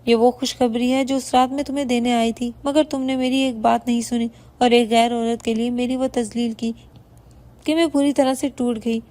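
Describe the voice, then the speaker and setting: A woman voices a wronged young wife in a storybook tale, restrained and dignified. The voice is high and held level. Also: little pitch movement, a little mellow, lightly acted. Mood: grieved. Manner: bitter yet respectful, restrained.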